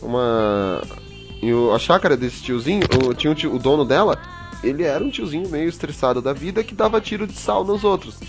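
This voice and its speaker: Young guy telling a story to friends in voice chat, higher voice, does his own freaked-out voice, music going. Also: a little fast. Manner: animated, acts out his own panicked voice. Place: home, online voice chat.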